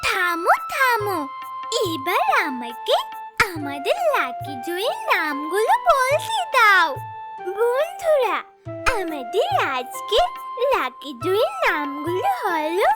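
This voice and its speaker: A woman voicing a squeaky little cartoon character who announces names one by one. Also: very animated, full character voice. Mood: excited. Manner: slow name-by-name announcing. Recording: loud jingly children's music behind.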